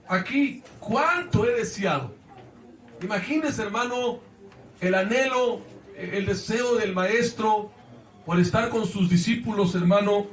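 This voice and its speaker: Mexican pastor guy preaching slow and high, mic a bit far off in a boomy church. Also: slight background noise. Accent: Mexican Spanish. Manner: earnest preaching, often addressing the congregation as brothers. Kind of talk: sermon. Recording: echoey church from a distance.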